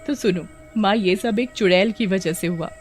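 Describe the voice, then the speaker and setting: A woman voicing an excitable young village girl in a cartoon, breathless and eager. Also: medium pitch, moderate pace, faint music behind, lightly acted. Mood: excited.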